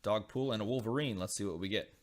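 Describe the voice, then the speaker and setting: Low-voiced man musing over game cards. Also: fast talker, slight background noise. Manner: reads card text aloud and muses on it, with frequent uh fillers. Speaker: channel host opening dice game packs. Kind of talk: casual unboxing commentary.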